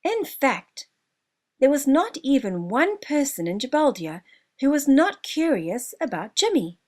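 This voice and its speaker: An author narrates her own children's story in a high-pitched, animated voice. Her scripted storybook delivery is expressive and deliberate, with drawn-out words.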